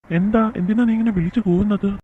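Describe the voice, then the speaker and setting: A woman's voice: mid-range voice, steady tone, fast, voice pushed down, lightly acted. A woman voicing a young working man in a cartoon, playing a son and husband who talks earnestly and then scolds. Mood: exasperated. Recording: tinny phone-like sound with faint hiss.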